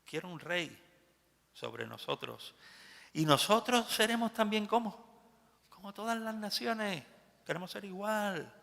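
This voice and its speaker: A defiant, petulant crowd of ancient Israelites clamoring for a king, as a preacher puts them on. The voice jumps high and loud, bright and a little gravelly. A long church reverb trails every word. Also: expressive, measured pace, pauses often, full character voice. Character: stubborn rebellious people of Israel demanding a king.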